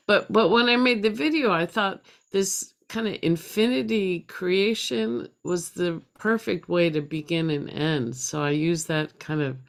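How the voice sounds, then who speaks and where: A woman reflecting on her art project on a video call, rambling and thoughtful. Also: fairly low pitch. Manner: reflective, rambling, restarts often. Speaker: artist presenting a project.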